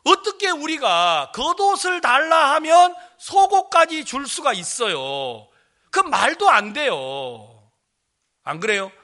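High, lively-voiced preaching man. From Jeolla, South Korea. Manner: animated storytelling, acting out quoted speech, questioning the congregation. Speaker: pastor. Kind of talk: sermon.

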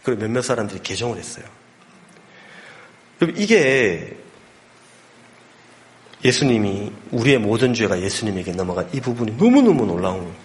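A man's voice: on the low side, sing-song, normal speed, pauses often. A male pastor preaching a sermon, telling stories emphatically and punching his points with vivid sound words.

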